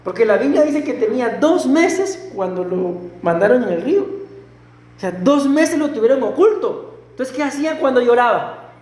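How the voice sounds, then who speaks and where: A middle-aged man preaching a sermon as pastor, animated and full of rhetorical questions to the congregation. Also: extremely high pitch, normal speed, a little hiss or hum. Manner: acts out quoted voices and a stutter. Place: church sanctuary. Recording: echoey church hall.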